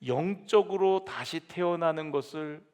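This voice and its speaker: A man pastor delivering a lively sermon, acting out quoted voices and dropping to soft asides. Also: a little high, measured pace, clean tone. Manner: animated preaching with dramatic quoted voices and sudden soft drops. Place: church sanctuary.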